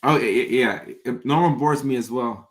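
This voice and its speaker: A man's voice: medium pitch, moderate pace. A man chatting casually and off the cuff as he answers comments, often repeating phrases for emphasis, with trouble pronouncing his R sounds. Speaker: content creator hosting a live question session. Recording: roomy, echoing sound.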